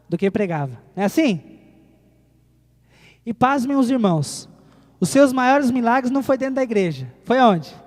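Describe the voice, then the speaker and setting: A man preaching a sermon, swinging between loud appeals and quiet moments and putting questions to the congregation. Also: sits high. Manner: animated preaching, rising and falling, rhetorical questions to the congregation. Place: church hall. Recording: reverberant church hall.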